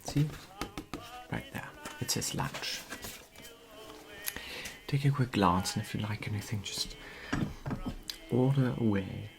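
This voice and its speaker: A performer in an ASMR role-play as a genteel period society lady, gossiping softly and confidingly at a tea parlour. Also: medium pitch, takes it slowly, creaky, long pauses, over music. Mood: polite, attentive. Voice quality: soft-spoken.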